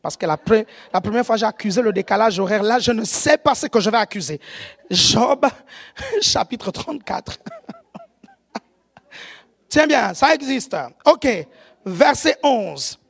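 A preacher with an African French accent gives a sermon, often shouting and checking whether the audience is following. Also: medium pitch, slow, gravelly, long pauses, slightly rough. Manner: animated, often shouting, keeps asking the audience if they follow.

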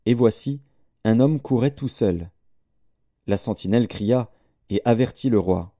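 A man reading scripture aloud in a measured, solemn way. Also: lowish voice, warm tone, no echo, clean studio sound. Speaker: scripture reader.

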